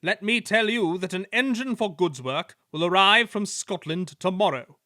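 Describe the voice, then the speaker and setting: A man's voice: mid-range voice, sing-song, a bit bright, dry recording, clean studio sound. A man doing a stern pompous railway boss. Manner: commanding, brisk.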